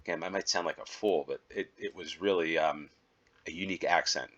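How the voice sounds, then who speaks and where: A man from the United States rambles through casual gameplay commentary at home, thinking out loud and filling pauses with ums and uhs. His voice sits low, yet its tone is bright and forceful. He talks like a channel host chatting to his viewers. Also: highs cut off. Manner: rambling, thinking aloud with many fillers.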